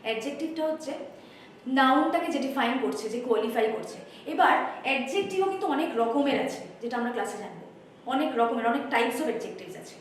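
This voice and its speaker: A Bengali-accented woman teacher lays out her spoken English course step by step, switching between Bengali and English. Her voice sits high and lands from a distance in a very echoey room. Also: animated, quick pace, slight background noise. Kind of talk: course introduction lesson. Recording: roomy echo, voice from far off.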